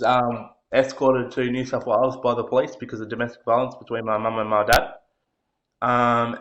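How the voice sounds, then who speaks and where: A man's voice: medium pitch, fairly bright tone. Australian man, late 20s, earnest and hesitant guest storyteller, slightly dull recording. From Tasmania, Australia. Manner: hesitant, lots of ums, earnest. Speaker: podcast guest. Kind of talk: personal storytelling.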